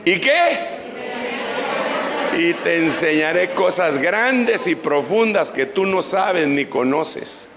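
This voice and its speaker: A man's voice: high voice, expressive, slow, reverberant, big-room sound, a crowd in the background, noisy background. A man preaching a sermon as pastor, leading the congregation in prayer. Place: church.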